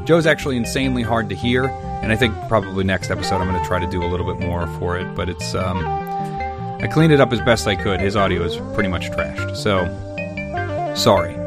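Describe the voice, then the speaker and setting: A man hosting a podcast in an informal, sweary, chatty way. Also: fairly low pitch. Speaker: podcast host. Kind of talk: casual chat.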